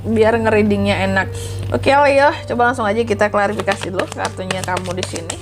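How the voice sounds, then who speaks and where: An Indonesian woman hosts a casual tarot reading in a mid-pitched voice. Her nose sounds blocked and congested from flu, and her throat is unsettled. She talks chattily, tagging phrases with little questions, while music plays behind her. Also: brisk. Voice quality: congested, stuffy-nosed voice from a cold. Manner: chatty, often ending phrases with questioning tags. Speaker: tarot reader and host.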